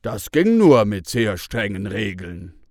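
A man voicing a calm adult who explains things in a firm, matter-of-fact way. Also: on the low side, slow pace, no echo, studio quality, heavily acted.

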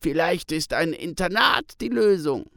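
A man voicing a troubled father who recalls a harsh childhood at school, with a halting, emotional delivery. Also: on the high side, expressive, vocal fry, fairly bright tone, no room sound, clean studio sound, pitched above the performer's own voice, full character voice. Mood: pained. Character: troubled adult father haunted by school beatings.

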